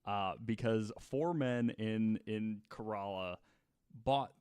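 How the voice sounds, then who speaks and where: Slow and smooth, this man's lowish, darkish voice carries a true crime story he tells as a podcast co-host. He keeps it jokey and conversational, laughing as he goes, with no room sound in the recording.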